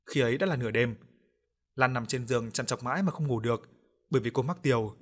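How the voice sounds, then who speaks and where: A man narrating a ghost story in a steady, ominous storytelling manner. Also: medium pitch, fast talker. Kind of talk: scripted horror narration.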